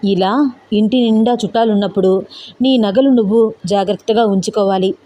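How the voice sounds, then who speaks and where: A patient middle-aged mother-in-law gently explains and comforts, as a woman narrator puts her on. Her tone is mellow and warm in colour. Told as an audio story. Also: medium pitch, normal speed, lightly acted. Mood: gentle advising.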